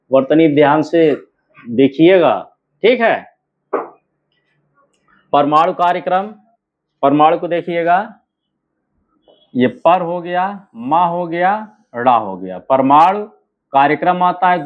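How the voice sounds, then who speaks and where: A man teaching shorthand outlines word by word. He stretches out each word and keeps checking with "ठीक है" and "है ना". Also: on the high side. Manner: slow, drawn-out words, frequent "ठीक है" and "है ना" checks. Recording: narrow phone-like sound.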